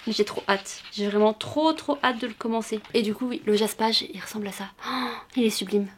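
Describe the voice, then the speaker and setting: A woman's voice: mid-range voice, brisk, a little hiss or hum. A woman from France chatting casually in a book haul vlog, gushing with frequent exclamations and restarts. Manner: gushing, exclaims often, many fillers and restarts. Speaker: booktuber vlogging a book haul. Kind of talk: casual chat.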